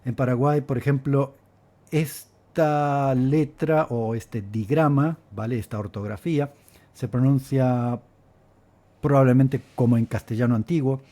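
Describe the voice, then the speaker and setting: Husky-voiced man teaching Spanish. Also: medium pitch, steady tone, warm tone. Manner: thoughtful, repeats himself, halting restarts. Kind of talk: casual video lesson. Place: Valencia, Spain.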